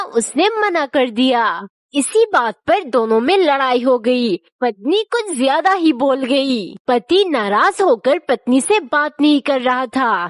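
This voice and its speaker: Woman joke narrator, high voice, brisk storytelling, dry close sound. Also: dry recording. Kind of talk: storytelling jokes.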